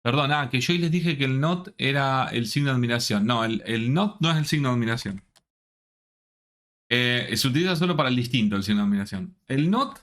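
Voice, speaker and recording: Checking in with his students at nearly every step, a man slowly works through a live online programming class. His voice is mid-range with a fairly bright tone.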